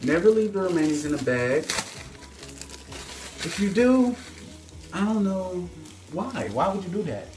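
A young man plays the expert in a mock-serious cooking video, moving around the stove in his home kitchen and joking with viewers. His high voice swings a lot in pitch, comes a little slowly with long pauses, and sits over music. The phone camera on its stand is several feet away, and the room echoes.

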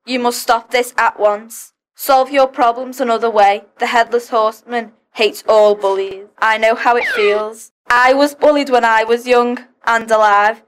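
A woman playing a vengeful headless horseman ghost in an amateur drama, with slow, theatrical villain menace. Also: on the high side, fairly even intonation, a little hiss or hum, close to an everyday voice, low-quality recording. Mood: menacing.

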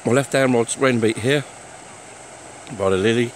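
A man's voice: mid-range voice, rough recording. A man, chatting casually as he walks around a fishing lake filming on a handheld phone. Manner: chatty, unhurried, plain-spoken. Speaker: angler filming his fishing trip. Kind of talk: casual walk-and-talk vlog. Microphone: handheld phone camera. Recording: faint outdoor noise.

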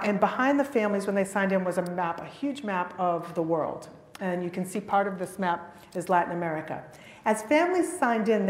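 A middle-aged woman giving an earnest, animated conference talk at a podium mic in a large auditorium. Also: medium pitch. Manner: earnest and animated, with frequent restarts. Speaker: keynote speaker. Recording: echoey hall with long reverb.

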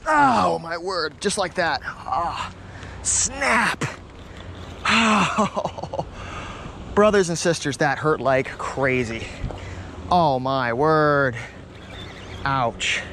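Young guy fishing vlog, kinda high voice, keeps going oh my word, outdoor action cam with a bit of background noise. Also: very slow, creaky, pauses often. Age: young adult. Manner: animated, exclaims often. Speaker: fishing vlogger. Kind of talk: excited outdoor vlog commentary. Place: outdoors by a river and creek. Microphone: action camera on the body and at arm's length.

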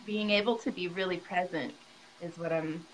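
A woman's voice: lowish voice, fairly even intonation, normal speed, poor audio. Enthusiastic woman hosting a video interview. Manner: enthusiastic, effusive, laughs often. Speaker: workshop host, interviewer. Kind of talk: casual interview talk. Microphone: video call.

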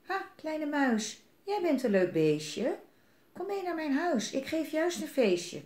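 A woman voicing a sly snake in a children's storybook, luring in a slow, drawn-out, raised voice. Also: sits high, sing-song, darkish tone, voice pushed up, exaggerated voice. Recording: roomy echo.

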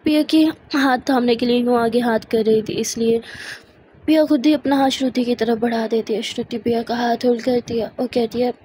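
A woman's voice: a little high, fairly even intonation, moderate pace, warm tone, a little hiss or hum. A woman storyteller narrating a love story in a plain, conversational way.

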